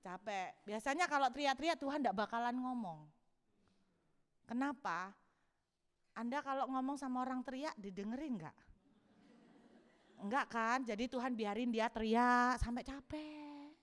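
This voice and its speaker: High-voiced woman preaching with hall reverb. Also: moderate pace, pauses often. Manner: animated preaching, acting out shouting and crying scenes. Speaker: pastor. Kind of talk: sermon.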